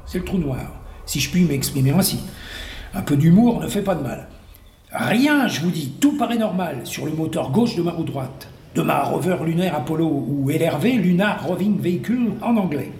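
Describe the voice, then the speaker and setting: A man's voice: fairly high pitch, darkish tone, echoey room. A man playing a grumpy loner living on the moon, in a sweary, mock-serious comic monologue. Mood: frustrated.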